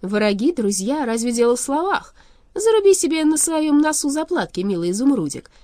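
A woman reading a storybook aloud, voicing a sly, scheming young sorceress who mocks in a loud, sweet voice. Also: high-pitched, sing-song, moderate pace, dry recording, pitched above the performer's own voice. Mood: mocking.

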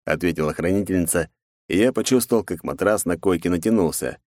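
A man narrating an audiobook in a steady first-person storytelling manner. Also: low voice, brisk, dry recording, studio quality.

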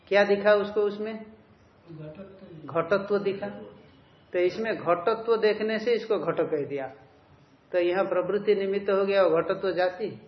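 A man with a fairly high voice delivers a scriptural commentary lecture, posing questions and answering them with simple examples. The sound is echoey and a bit dull and lo-fi, as if taped in a bare hall. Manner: reads and corrects a text line by line with students. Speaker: spiritual teacher. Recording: echoey, dull lo-fi room recording.

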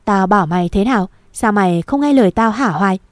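A woman voicing a harsh, angry father who shouts and threatens his daughter in a storybook reading. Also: medium pitch, expressive, quick pace, no echo, clean studio sound, close to an everyday voice. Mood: furious. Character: harsh angry village father, middle-aged man.

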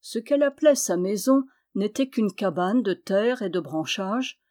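A woman reads a folk tale aloud as storyteller, with a measured, expressive delivery. Her voice sits at a middling pitch for a woman.

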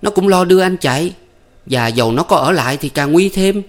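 A man voicing a gentle young woman who pleads in a raised voice. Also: on the high side, animated, brisk, voice pushed up, lightly acted. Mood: pleading. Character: young woman, gentle, defending her friend.

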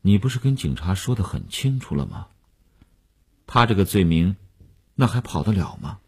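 A man voicing a calm adult male pianist who speaks in an even, detached tone. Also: mid-range voice, unhurried, husky, pitched above the performer's own voice, full character voice. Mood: cool.

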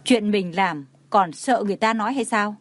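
A woman's voice: medium pitch, moderate pace, dry recording, lightly acted. A woman reading the lines of a spiteful, mocking young rich woman in a story. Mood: angry. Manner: taunting, scornful.

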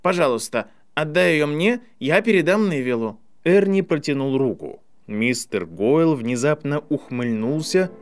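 Expressive male audiobook narrator. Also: mid-range voice. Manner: expressive storytelling. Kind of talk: scripted fiction narration.

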